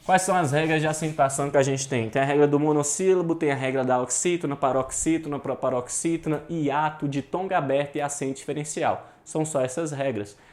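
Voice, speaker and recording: A man's voice: a little high, steady tone, brisk, few pauses. Brazilian man teaching, informal and emphatic. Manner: informal and emphatic, with slang and swearing; drills points by repeating them. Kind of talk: online exam-prep lecture.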